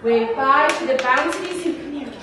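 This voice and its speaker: A woman's voice: high voice, normal speed. A middle-aged woman leading a storytime, talking and singing to toddlers in a sing-song, encouraging way, as if reading to a toddler. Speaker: children's library storytime leader. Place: library children's room, indoors, group on the floor. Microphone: far camera. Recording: roomy, distant camera mic, noisy room.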